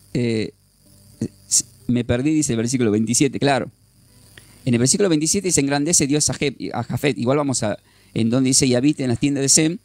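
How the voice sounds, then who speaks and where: A man's voice: medium pitch, a little mellow, no room sound. Man teaching a Bible class, dry sound. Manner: explains step by step, often asks the class "¿sí?"; repeats and restarts while thinking aloud.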